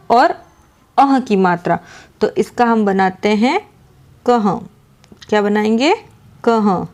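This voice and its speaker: Slow, patient woman teacher. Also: fairly high pitch. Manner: asks questions and repeats answers. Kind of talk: slow classroom explanation.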